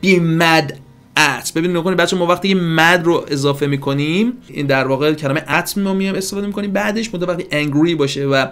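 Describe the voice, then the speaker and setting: A man with a slightly high voice gives an informal English lesson, and his first language is Persian. He chats quickly to his viewers as friends and kids. He then slows to careful, deliberate English examples. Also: soft background music. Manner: switches between fast chatty explanation and slow, careful example sentences; addresses viewers warmly as friends and kids, with filler hesitations. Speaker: English teacher. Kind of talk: casual video lesson.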